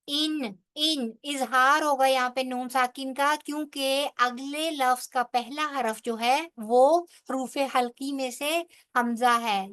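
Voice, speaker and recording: A woman teaching Quranic recitation rules, explaining each rule step by step and then reciting the words slowly and drawn out, checking in often with "theek hai". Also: high-pitched, fairly bright tone. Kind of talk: tajweed lesson with slow recitation.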